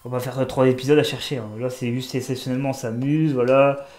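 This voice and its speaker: A man with a cold records casual let's-play commentary as a gaming YouTuber, joking and chatting with himself and the characters. His mid-range voice is level and a little mellow, and he talks fast. The sound is roomy.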